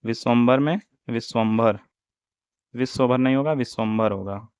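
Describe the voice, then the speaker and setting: A man teaching Hindi spelling for an exam, slowly reciting wrong and correct forms one after another. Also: mid-range voice, clean tone, no room sound. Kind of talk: exam-prep spelling lesson. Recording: dull, dry lo-fi audio.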